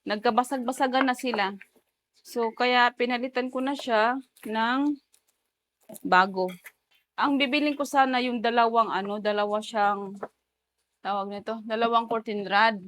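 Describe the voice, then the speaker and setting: A chatty woman talks casually through her home vlog, slipping English phrases in among light, giggly asides. Her voice sits a little high. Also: steady tone, measured pace, pauses often, a bit bright, slight background noise. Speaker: vlogger.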